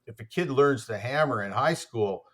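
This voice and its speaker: A man's voice: mid-range voice, animated, moderate pace. A man, an athletics coach, telling stories as a podcast guest in a rambling way, full of fillers and restarts. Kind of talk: casual conversational storytelling.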